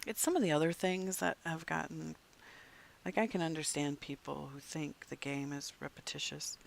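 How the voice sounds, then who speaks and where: A game streamer chats with viewers from home in a loose, rambling way. The voice carries a gravelly texture, and now and then it falls to a soft muttered aside. A light hiss sits under the recording. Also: mid-range voice, steady tone, normal speed. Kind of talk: casual gameplay chat to viewers.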